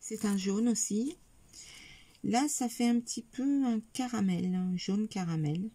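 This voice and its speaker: A woman's voice: mid-range voice, measured pace, mellow, slightly rough, dry recording. A middle-aged woman chatting casually in a craft haul video, hesitant with many fillers, talking to viewers as she shows each item. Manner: talks to viewers while showing items. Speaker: craft vlogger.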